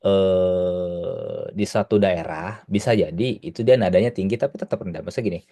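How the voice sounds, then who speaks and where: A man teaching Japanese in an online class, explaining patiently in a relaxed, casual way. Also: low-pitched, moderate pace.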